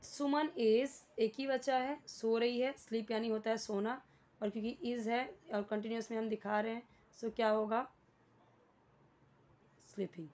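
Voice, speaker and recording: A woman's voice: a little high, fairly even intonation, unhurried, darkish tone, highs cut off. A woman with an Indian accent teaching beginner English, explaining a worksheet patiently and spelling words out letter by letter.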